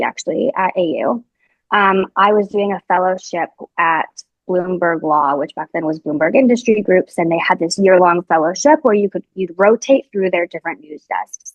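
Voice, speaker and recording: Speaking as a guest on a podcast, a young woman reporter fields questions casually, chatting with lots of filler words and false starts. She has a medium-pitched voice. The audio is dry and lo-fi.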